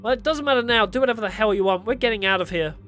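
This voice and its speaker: A man's voice: high-pitched, very fast, fairly bright tone, faint music behind. A man voicing a brash, defiant young rebel daughter and mechanic in a dramatic story, blunt and sardonic.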